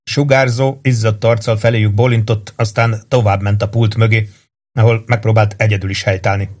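A man narrating a novel in a steady, even storytelling voice. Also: fairly low pitch. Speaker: audiobook narrator.

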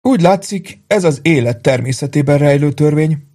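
Wistful older gentleman, soft-spoken, pitched above a low voice, read by a male audiobook narrator. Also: expressive.

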